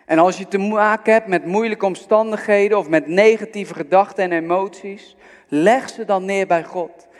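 A man's voice: high-pitched, normal speed. A man preaching a sermon, earnest and exhorting, speaking directly to his listeners. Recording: long reverb of a large hall.

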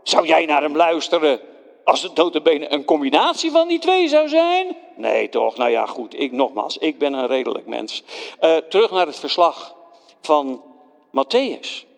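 A preacher playing a stammering, self-justifying Pilate. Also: male voice, fairly high pitch, normal speed, gravelly, long reverb tail. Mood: indignant. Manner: animated, stammering, pleading with listeners. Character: Pontius Pilate, middle-aged male Roman governor, self-justifying. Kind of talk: first-person dramatic sermon monologue.

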